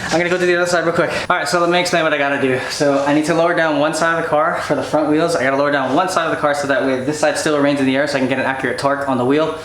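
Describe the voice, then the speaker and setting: A man walking viewers through car maintenance in a casual how-to style, chatty and hurried as he works. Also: a little high, fairly even intonation, fairly bright tone. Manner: hurried, chatty, restarts phrases while working. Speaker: DIY car maintenance vlogger. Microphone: camera-mounted mic. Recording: echoey garage, faint noise.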